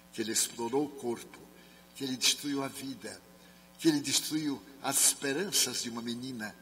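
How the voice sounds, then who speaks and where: A Spiritist speaker and medium from Brazil, a man, telling a personal story at a seminar, acting out the dialogue and dropping to soft murmurs when quoting others. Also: fairly low pitch. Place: large sports and culture hall. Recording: reverberant hall, faint hum.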